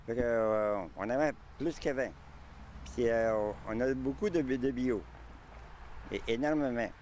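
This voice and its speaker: A male farmer with a Quebec French accent answers casually, stumbling and restarting. His voice is medium-pitched, with faint traffic noise outdoors behind it. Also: darkish tone. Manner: halting, stammered restarts. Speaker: farmer being interviewed. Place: outdoors on a farm.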